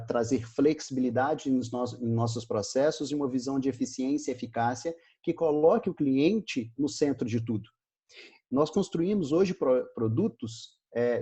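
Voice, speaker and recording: A man's voice: medium pitch, mellow, husky. A man with a Brazilian Portuguese accent giving a virtual business talk, telling a story and acting out the dialogue with animation. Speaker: speaker.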